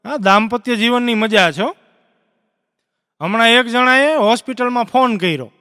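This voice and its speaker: Bright high-voiced comedian on stage. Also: male voice, normal speed, clean tone, no echo, studio quality, long reverb tail. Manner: lively storyteller acting out characters. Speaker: stand-up comedian. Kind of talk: live stand-up joke telling.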